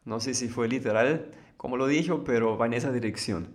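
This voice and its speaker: A man giving a calm, explanatory spiritual talk as a teacher, often asking rhetorical questions and then answering them. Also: medium pitch, brisk.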